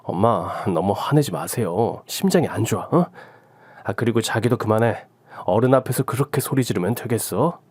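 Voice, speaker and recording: A man's voice: fairly low pitch, animated, moderate pace, darkish tone, dry recording. A man playing a wheedling, placating husband. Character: soothing, evasive young husband. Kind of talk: radio drama acting.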